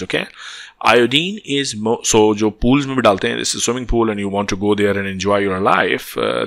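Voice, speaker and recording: A man's voice: lowish voice, fairly bright tone. A man with a Pakistani accent and native Urdu lectures on medicine, reading textbook material aloud and explaining it as he switches between English and Urdu.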